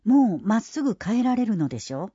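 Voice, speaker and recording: A woman's voice: fairly high pitch, sing-song, a little fast, mellow, slightly rough, dry recording, lo-fi sound, voice pushed up. Reader doing a chirpy teasing innkeeper woman.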